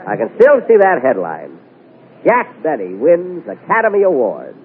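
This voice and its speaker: A man hosting a 1940s radio comedy, delivering his lines with indignant, deadpan comic timing, heard as an old AM radio broadcast. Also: on the high side, normal speed, creaky, narrow, tinny audio, a little hiss or hum. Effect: old AM radio broadcast sound.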